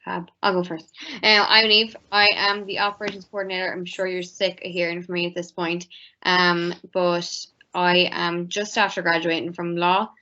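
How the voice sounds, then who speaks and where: A woman's voice: on the low side, flat delivery, moderate pace, sharp tone. A young woman in her twenties introducing herself on a video call, giggly and self-mocking. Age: 20s. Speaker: operations coordinator. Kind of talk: casual chat. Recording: muffled video-call audio.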